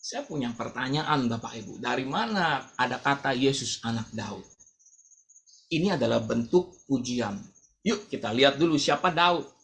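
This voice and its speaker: A man preaching a sermon as pastor of a church, dramatic and swinging between loud calls and quiet asides. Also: medium pitch, lively intonation, moderate pace. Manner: acts out the blind man's cry.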